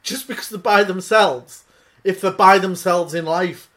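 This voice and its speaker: A man's voice: high-pitched, unhurried. A man, co-hosting a beer podcast in jokey casual chat. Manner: jokey, animated banter. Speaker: podcast co-host.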